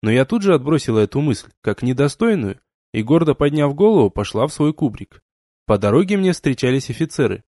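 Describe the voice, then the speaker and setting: A man reading a first-person novel aloud as an audiobook, with expressive narration. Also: mid-range voice, brisk, no room sound, clean studio sound. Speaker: audiobook reader.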